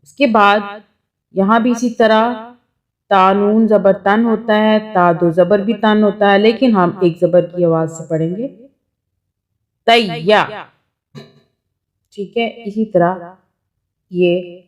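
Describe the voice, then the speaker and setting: A woman from Pakistan, a Quran teacher, giving a recorded reading lesson, explaining step by step and sounding out syllables slowly and patiently. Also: medium pitch, steady tone, lo-fi sound.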